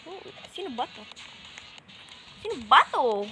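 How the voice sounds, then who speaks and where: A woman's voice: high-pitched, very animated, unhurried, bright, forceful tone, faint music behind. A woman from the Philippines giving playful gameplay commentary, muttering to herself as she plays. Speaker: gamer.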